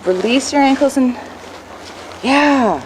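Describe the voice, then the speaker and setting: A female riding instructor with a high voice projects brisk commands during a live lesson. She directs and corrects her rider, adding short explanations, while the background is clearly noisy.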